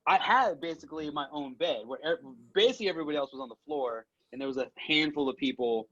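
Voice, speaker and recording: A man's voice: on the high side, fast talker, sharp tone, highs cut off. A young man in casual chat with an old friend, rambling and poking fun at himself as he tells stories. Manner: self-deprecating, rambling storyteller.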